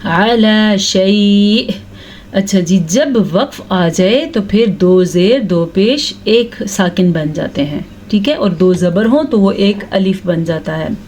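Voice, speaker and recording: Patient woman teaching Quran recitation, slow. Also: medium pitch, animated, mellow, a little hiss or hum. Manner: patient, explains each rule step by step, checks in with "theek hai". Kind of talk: recitation lesson with slow drawn-out chanting of verses.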